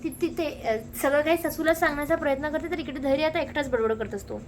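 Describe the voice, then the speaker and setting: A woman rapidly retelling a TV serial episode, slipping into the characters' lines as she goes. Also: high voice, slight background noise. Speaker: narrator recapping a TV serial. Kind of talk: fast storytelling recap with acted quotes.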